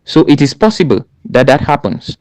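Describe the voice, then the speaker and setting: Male tutor, mid pitch, emphatic and repetitive, dry recording. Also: very animated, fairly quick, darkish tone, no echo. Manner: repetitive, emphatic, with many restarts and "right?" checks. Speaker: exam preparation tutor. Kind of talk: spoken lesson.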